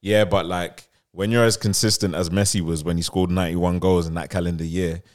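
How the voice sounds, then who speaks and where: A man with a deep voice and a London roadman accent. He banters casually in street slang, as on a relaxed podcast among friends. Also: a little fast. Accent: London, urban street style.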